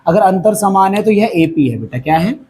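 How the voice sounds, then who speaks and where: At normal speed, a male maths teacher with a high, dark, animated voice teaches his class at the whiteboard while sounding hoarse. He keeps patiently posing questions and answering them, with faint noise in the background.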